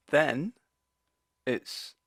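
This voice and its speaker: Young male podcast co-host, gravelly voice, wry and laughing, dry close mic. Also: fairly high pitch, extremely slow, a bit bright, no echo. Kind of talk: casual storytelling chat.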